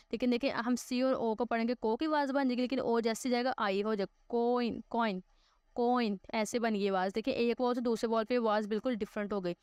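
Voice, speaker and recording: Woman teacher, online class, patient explainer, mixes English terms into Hindi-Urdu, smooth voice. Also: a little high, darkish tone, dry recording. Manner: patient, repeats "ठीक है" to check understanding.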